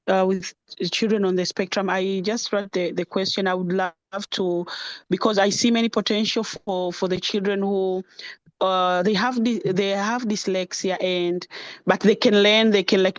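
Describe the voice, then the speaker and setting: Earnest teacher on a muffled call. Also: female voice, medium pitch, no room sound. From Tanzania. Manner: earnest, searching for words. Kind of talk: asking a question on a video call. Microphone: video call. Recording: dry, muffled call audio.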